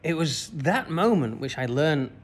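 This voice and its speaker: A man's voice: a little high, big pitch swings, measured pace. A man, a spiritual coach, recounting a childhood memory in a loose, rambling way full of fillers. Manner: rambling, many fillers and restarts. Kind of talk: personal story told to camera.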